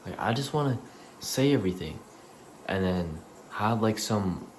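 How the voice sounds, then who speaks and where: Here a young vlogger delivers a profane, meandering rant in a lowish, expressive voice, a little slow, restarting sentences and occasionally whispering. The echoey small-bathroom recording carries faint ambience plus a little hiss or hum.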